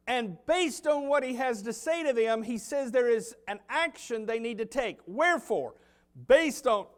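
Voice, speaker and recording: Southern pastor preaching, high and emphatic. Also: male voice. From United States. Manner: preaching with swings between loud emphasis and quiet low asides, some restarts. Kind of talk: sermon. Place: church sanctuary.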